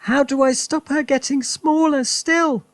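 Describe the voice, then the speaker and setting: A man's voice: high-pitched, animated, measured pace, vocal fry, dry recording, soft background music, voice pushed up, exaggerated voice. A man voicing an anxious, wailing middle-aged housewife in a storybook.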